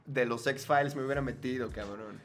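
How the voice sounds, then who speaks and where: A man's voice: mid-range voice, moderate pace, a bit bright, faint music behind. A man with a Mexican Spanish accent, co-hosting a podcast and telling crude, slangy stories in casual chat. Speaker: podcast co-host.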